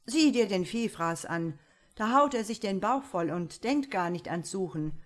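A woman's voice: mid-range voice, lively intonation, a little slow. A woman doing scornful fairy-tale brothers-in-law. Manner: scolding, mocking. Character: mocking sons-in-law, grown men, scornful and greedy.

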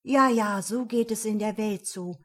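A woman's voice: mid-range voice, a little slow, fairly bright tone. A woman voicing a naive young fir tree in a fairy tale, asking earnest, wondering questions.

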